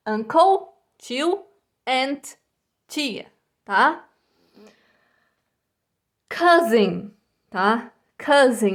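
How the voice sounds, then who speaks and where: Slow, patient Brazilian woman teacher. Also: on the high side, fairly bright tone. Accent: Brazilian Portuguese. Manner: slow and patient, tags almost every phrase with "tá?" or "né?"; carefully spells out English pronunciation, repeating each word. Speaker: English teacher. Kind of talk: recorded online English lesson for first graders.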